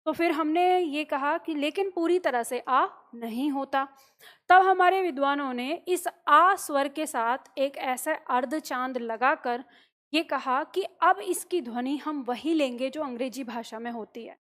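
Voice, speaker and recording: A woman with a high voice gives a classroom-style grammar lesson. She works through each point slowly, puts questions to her listeners and then answers them herself. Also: fairly bright tone. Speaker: Hindi teacher.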